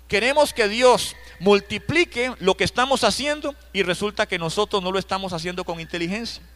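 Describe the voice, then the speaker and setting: A man's voice: high voice, pushed and bright. A man with a Costa Rican accent, a pastor giving a live Bible study in church, emphatic, repeating key phrases and asking the congregation direct questions. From Costa Rica.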